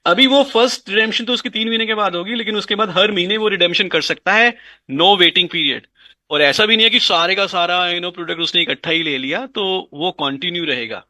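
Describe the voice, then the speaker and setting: A man's voice: high-pitched, fairly quick, sharp tone, no room sound. A man explaining a business plan in an interview, mixing in English and repeating phrases for emphasis. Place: indoors at a dining table.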